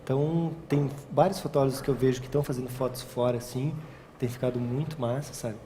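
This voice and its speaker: A man's voice: medium pitch, steady tone, fast talker, warm tone. Rambling young man. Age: young adult. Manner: rambling, frequent "sabe?" tags, restarts. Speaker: wedding photographer, interview guest. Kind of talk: casual interview talk. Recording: long reverb, faint ambient noise.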